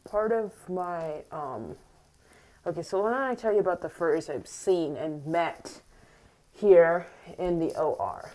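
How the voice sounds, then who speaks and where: Young woman vlogger, low-pitched, hesitant and rambling, mask on, a bit morning-squeaky. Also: a little mellow, poor audio. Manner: rambling and hesitant, many fillers and restarts. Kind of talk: casual rambling monologue to camera. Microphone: wearing a mask.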